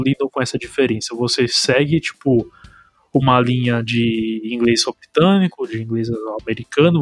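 A man's voice: mid-range voice, no echo. A man with a Brazilian accent hosting a casual podcast chat, talking in a loose, slangy way. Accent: Brazilian Portuguese. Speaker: podcast host.

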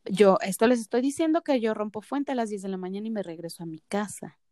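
A woman's voice: medium pitch, fast, mellow, no room sound, clean studio sound. A woman in her thirties co-hosting a podcast, telling her story in casual chat and acting out the quoted dialogue with animation. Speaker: podcast co-host.

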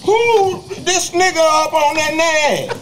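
A man's voice: extremely high pitch, slow. An actor playing a hostile older male house servant who sneers and hurls insults in a film clip. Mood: sneering. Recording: film clip with background noise.

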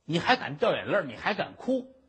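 Man playing a harsh imperial judge, husky voice, high pitch, scornful, barking. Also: sing-song, fairly quick, fairly bright tone, heavily acted. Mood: furious. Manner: scornful, blustering, barks orders. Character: stern, bullying male high court judge.

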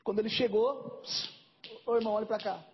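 A man's voice: high-pitched, fairly even intonation, a little fast, muffled recording, slight background noise. A man preaching a sermon as pastor, telling a story and acting out its dialogue.

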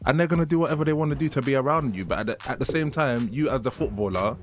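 Very fast-talking London man, casual debater. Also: medium pitch. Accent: London, urban slang. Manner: reasoning, checks listeners follow.

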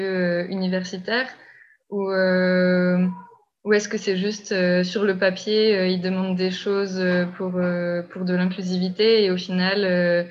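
A woman hosting a casual interview, asking questions hesitantly with many fillers. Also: fairly low pitch. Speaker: podcast host. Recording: dull lo-fi recording.

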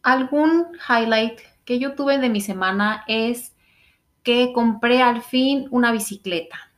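A woman's voice: on the high side, slow pace. A young adult woman with a Mexican accent, co-hosting a podcast in a chatty, informal, playful way. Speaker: podcast co-host. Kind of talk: casual chat.

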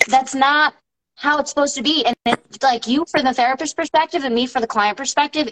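A fairly high-voiced woman in her thirties speaks as a massage therapist to her followers. She talks casually and emphatically, and her voice climbs higher when she gets indignant. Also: a little hiss or hum, poor audio. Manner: emphatic, animated, rising in pitch when indignant. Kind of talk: casual live-stream talk to followers.

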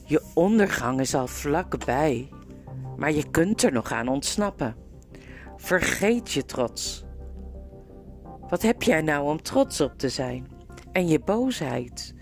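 A grave storybook lion, speaking low and unhurried, warning calmly, as a woman reads him. Each word comes measured and quiet, with faint music behind. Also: full character voice. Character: great solemn male lion, calm and grave.

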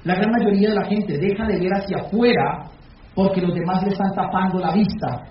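A man giving a motivational talk to a business meeting, putting questions to the audience and acting out shouted calls. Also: high voice, a little fast, slight background noise. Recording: echoey, dull hall recording from far off.

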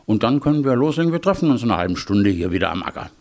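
A man's voice: medium pitch, big pitch swings, rapid-fire, darkish tone. A man voicing a polite, cunning male hedgehog in a storybook tale, cheerful and scheming. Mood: bustling. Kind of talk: storybook character voice.

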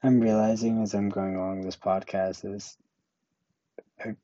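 A young man talks alone into a home podcast mic, slow and flat, turning his thoughts over as he goes. His voice is low, mellow and dry, and the recording sounds a little dull and muffled. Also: no room sound. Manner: slow, monotone, musing. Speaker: podcast host. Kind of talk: solo podcast monologue.

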